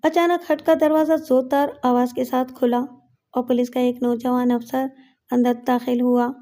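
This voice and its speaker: A woman narrating a dramatic first-person story with an expressive reading. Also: a little high. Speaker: narrator and voice-over artist.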